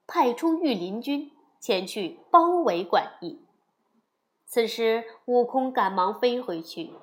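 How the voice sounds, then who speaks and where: A woman narrating a children's story episode in an expressive storytelling manner. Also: a little high.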